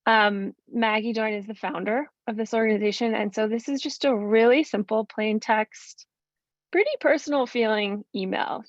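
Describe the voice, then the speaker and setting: A woman's voice: fairly high pitch, steady tone, normal speed, no room sound, highs cut off. A woman presenting a fundraising webinar in a friendly, conversational way, with frequent ums. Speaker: nonprofit fundraising trainer.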